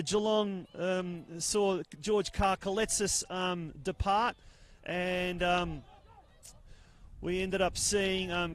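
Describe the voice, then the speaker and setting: High-voiced Australian football commentator. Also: male voice. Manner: rambling, filler-heavy, gets loud on near-misses. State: cold, jaw clicking. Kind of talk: live match commentary. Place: outdoor grandstand commentary spot.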